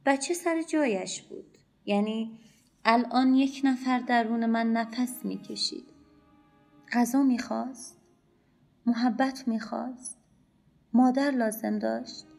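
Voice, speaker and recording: A woman narrating a short story for a podcast, calm, measured and introspective. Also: on the high side, gravelly. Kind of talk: scripted audiobook narration. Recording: faint music bed under voice.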